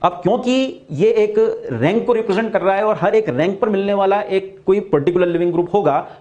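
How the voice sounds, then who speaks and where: A man with an Indian accent lecturing on biology, switching between Hindi and slow, deliberate English for key terms. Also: sits high, dark tone, highs cut off. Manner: explains in Hindi, then slowly restates key points in English. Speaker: biology teacher. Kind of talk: recorded classroom lecture.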